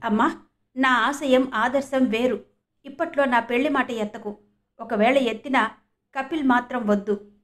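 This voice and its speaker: A firm, principled young woman who speaks sharply and with conviction, read by a woman. Her voice sits fairly high in an audio storybook. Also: steady tone, measured pace, pauses often, natural voice. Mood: earnest. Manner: sharp, scolding.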